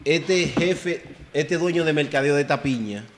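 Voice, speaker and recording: Emphatic Dominican man, bright voice. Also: fairly high pitch, measured pace. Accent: Dominican Spanish. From Dominican Republic. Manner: emphatic, repeats words while building a point. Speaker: guest. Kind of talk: casual podcast conversation.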